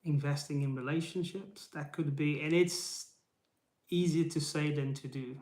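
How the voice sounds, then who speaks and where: In a reverberant room, a YouTube channel host talks to his camera mic in English, with Portuguese as his first language. His voice is on the high side and darkish, with fairly even intonation and an unhurried pace. The casual live motivational talk is earnest and encouraging, with rhetorical questions and many a "right?".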